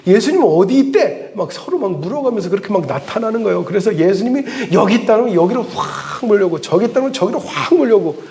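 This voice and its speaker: This high-pitched man is a pastor preaching in church. He tells the story animatedly, leaning on dramatic pauses.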